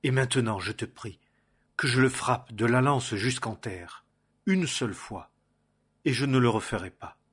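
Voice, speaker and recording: A man voicing an eager male soldier, low and urgent. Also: a little slow, slightly rough. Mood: urging. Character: eager male soldier urging his leader.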